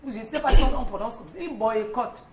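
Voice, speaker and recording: A woman's voice: on the high side, fast talker, roomy sound, slight background noise. A woman columnist on a morning talk show, telling a street story in a chatty, teasing way. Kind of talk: lively storytelling chat.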